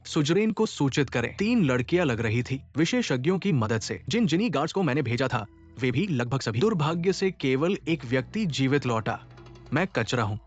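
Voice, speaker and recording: A man's voice: mid-range voice, animated, moderate pace, natural voice. A man voicing a scheming court official in a dubbed TV drama, cold and commanding. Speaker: dub actor. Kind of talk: Hindi dub of a Chinese TV drama. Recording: dull dub track with music.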